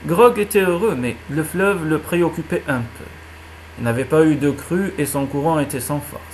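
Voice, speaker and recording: Male narrator, calm audiobook read of a children's tale, slightly high pitch, faint noise floor. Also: normal speed. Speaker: reader. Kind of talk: audiobook reading of a children's novel.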